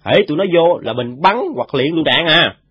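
A man's voice: fairly high pitch, fairly quick, breathy edge. Man playing a chiding, fond guerrilla fighter. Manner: chiding, explaining. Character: adult male guerrilla fighter, scolding but fond. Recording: dull, dry recording.

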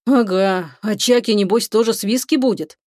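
A woman's voice: mid-range voice, moderate pace, darkish tone, no room sound, clean studio sound, natural voice. A woman reading a grumbling male crewman. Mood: sulky.

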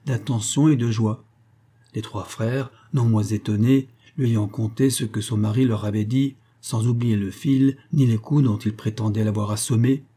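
A man narrating a classic tale in a measured, storytelling manner. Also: on the low side, warm tone, slightly rough. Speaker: audiobook narrator.

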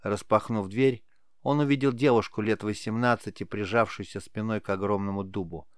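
A man narrating a fantasy audiobook in a measured, scripted way. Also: lowish voice, steady tone, smooth, no echo, studio quality.

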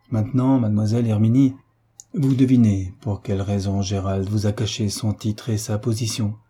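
A man voicing an earnest young gentleman in an audiobook, explaining gently and earnestly. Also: fairly low pitch, husky. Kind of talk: audiobook character reading.

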